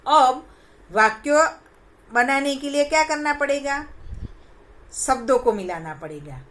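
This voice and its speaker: A woman teacher leads a beginners' phonics lesson, sounding out each letter one at a time and pausing to quiz the children. Her voice sits a little high and she speaks very slowly, stretching every syllable. She slips English words into her Hindi. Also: lively intonation, a bit bright, slight background noise. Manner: slow, syllable-by-syllable sounding out with questions to the class. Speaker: primary school teacher.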